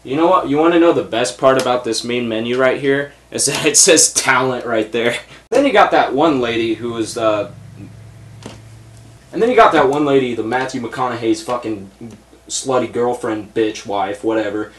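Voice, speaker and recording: A man's voice: mid-range voice, moderate pace, a bit bright, roomy sound. A young man reviewing a movie in a blunt, profane, exasperated rant, seated at a desk in a small room full of shelves. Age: young adult.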